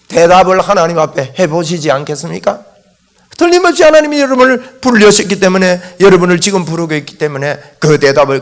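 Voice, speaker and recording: Male pastor, sermon delivery, high voice with lively swoops in pitch, emphatic, jumps from loud calls to hushed asides. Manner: emphatic, keeps addressing the congregation directly; swings between loud exhortation and hushed lines. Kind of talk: Sunday morning sermon.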